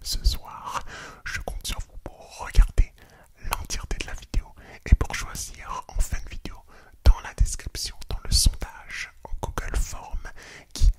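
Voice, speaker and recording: A man hosting an ASMR channel, whispering throughout in an unhurried way, repeating phrases and often calling his listeners friends. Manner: unhurried, repeats phrases, some small restarts.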